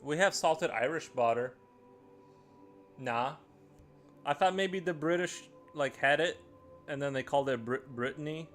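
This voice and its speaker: A man's voice: on the high side, a little slow, pauses often. Chatty man rambling over faint music. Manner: chatty, rambling, thinks aloud with many restarts. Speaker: live-stream artist. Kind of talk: casual live-stream chat.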